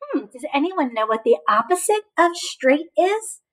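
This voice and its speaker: This high-pitched woman reads a picture book aloud as a teacher of small kids would. She keeps it lively and encouraging, asking frequent questions and waiting for replies.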